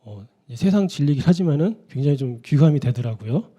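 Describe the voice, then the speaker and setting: A man's voice: a little high, lively intonation, quick pace, dark tone, breathy edge, highs cut off. A man preaching an early-morning sermon in a conversational way, often putting rhetorical questions to his listeners. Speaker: pastor.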